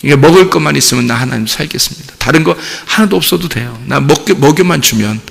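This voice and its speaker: Male pastor mid-sermon, gravelly, expressive, slightly high voice, in a reverberant sanctuary. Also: quick pace. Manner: animated storytelling, acting out prayers and replies. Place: church sanctuary. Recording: long hall reverb.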